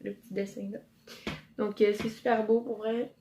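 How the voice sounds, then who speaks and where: A woman's voice: medium pitch, flat delivery, normal speed, background noise. A woman with a Quebec French accent chatting through a casual giveaway unboxing in her home office, rambling and upbeat. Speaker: YouTuber. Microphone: camera mic.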